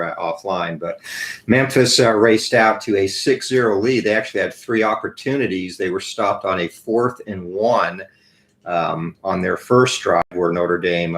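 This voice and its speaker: A man hosting a tabletop college football game, explaining rolls and play results with frequent pauses and a morning voice. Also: low-pitched, low-quality recording. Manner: explains rules and dice rolls, many "uh" pauses. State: morning voice, clears throat.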